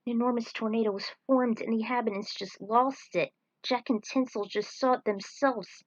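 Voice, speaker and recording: In a fairly high voice, she reads her self-written action story as narrator, keeping the intonation fairly even and the pace moderate while giving it a dramatic, scripted delivery. The recording is dry, close, dull, and lo-fi.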